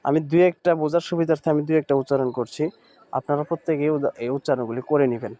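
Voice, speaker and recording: A man teaching Quran reading in an online lesson, patiently spelling out Arabic letters and repeating words slowly. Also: fairly high pitch, mellow. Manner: Arabic letter names in Bengali speech.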